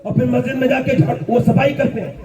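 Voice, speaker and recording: A man's voice: very high-pitched, dark tone. A man preaching a sermon to a crowd in a mosque, telling stories with acted dialogue and calling for responses. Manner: storytelling, acts out dialogue, asks the crowd to respond. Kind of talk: religious sermon. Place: mosque gathering. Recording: echoey mosque, distant mic, crowd.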